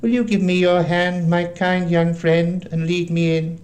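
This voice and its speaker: A man's voice: high voice, flat delivery, a little slow, darkish tone, voice pushed up. A man voicing a cruel, menacing blind old beggar from a storybook, with a sing-song, sneering manner. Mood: wheedling sing-song. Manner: sing-song, wheedling, turning to cold sneering commands. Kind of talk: storybook character voice.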